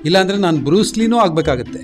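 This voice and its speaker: A short-tempered boss snaps curtly, his voice pitched a little high and moving up and down. Faint film music plays beneath him. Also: lively intonation, racing. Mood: irritable. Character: irritable boss with a pounding headache.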